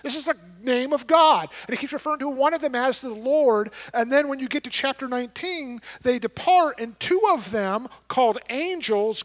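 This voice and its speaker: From a big church stage in front of a crowd, a middle-aged pastor delivers a sermon in a chatty way, asking the congregation questions. He speaks with a very high pitch and a fairly bright tone.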